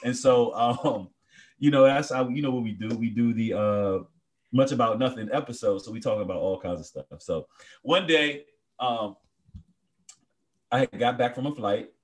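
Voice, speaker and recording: A man's voice: mid-range voice, normal speed. A man co-hosting a podcast, chatting casually and telling stories in slangy speech, laughing often. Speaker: podcast co-host. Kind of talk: casual chat.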